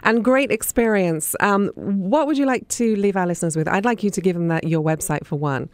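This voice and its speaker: A woman hosting a radio interview show, asking questions in a friendly, halting way. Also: medium pitch, darkish tone, no echo.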